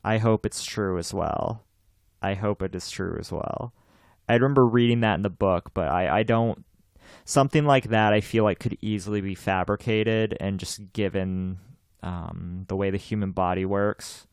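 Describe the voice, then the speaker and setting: A young man in his twenties hosts a podcast in loose, rambling chat, often repeating himself and breaking into laughs. His lowish voice is smooth and resonant. The sound is dry and close, with no room echo. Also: normal speed. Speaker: podcast host. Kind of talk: casual chat.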